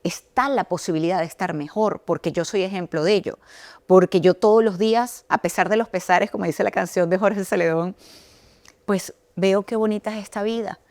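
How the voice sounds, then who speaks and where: A woman's voice: medium pitch, moderate pace, darkish tone, no room sound. A middle-aged woman from Venezuela, a news anchor and author, telling her personal story as an interview guest in an earnest, reflective way. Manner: earnest, reflective, many restarts and quoted dialogue.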